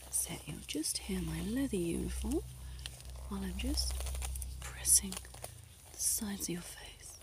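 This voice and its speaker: A woman playing a flirty, coy female doctor in a whispered role-play, murmuring softly and intimately right in the listener's ear and slipping into whispers. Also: medium pitch, expressive, a little slow, pauses often, lightly acted. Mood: hushed, focused. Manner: coy, playfully bossy. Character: flirty, teasing female doctor giving a check-up.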